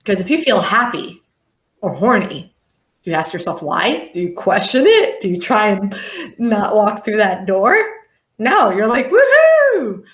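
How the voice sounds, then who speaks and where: A woman's voice: mid-range voice, lively intonation, a little slow, fairly bright tone, roomy sound. A woman speaking as a life coach guest on a podcast, earnest and reflective. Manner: earnest, reflective, acts out clients' voices. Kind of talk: podcast interview talk.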